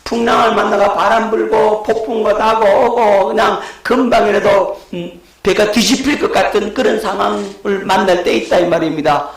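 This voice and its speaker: A man's voice: high voice, fairly even intonation, normal speed, gravelly, few pauses, roomy sound, poor audio. A middle-aged male pastor, preaching a lecture-style sermon and asking his congregation questions. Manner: rhetorical questions to the congregation, shouting acted quotes.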